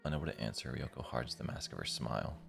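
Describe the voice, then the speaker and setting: During a live stream, a man reads a visual novel's narration aloud, breaking off now and then to comment casually. He talks fast in a gravelly bass voice, with the game's guitar music playing behind him.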